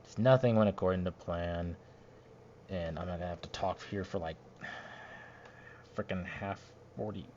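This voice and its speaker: A man's voice: low-pitched, fairly even intonation, moderate pace, pauses often, dark tone, lo-fi sound, slight background noise. A man narrating over his gameplay footage after the fact, grumbling and rambling in an annoyed way. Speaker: gameplay commentator. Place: home recording setup, voiced after the footage.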